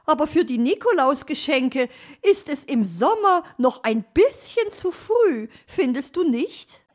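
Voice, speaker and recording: A bossy, talkative magpie lady, as a woman reading aloud puts her on. Her voice sits high and loud and swoops widely as she teases and lectures at an unhurried pace. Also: big pitch swings. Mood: curious. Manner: shrill, talkative, teasing. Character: chatty bossy female magpie neighbor.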